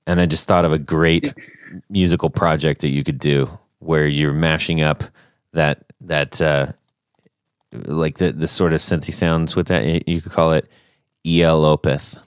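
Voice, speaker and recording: Deep-voiced, jokey podcast host. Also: male voice, level tone, normal speed, smooth, no echo, studio quality. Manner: jokey, laughs often. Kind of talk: casual podcast chat.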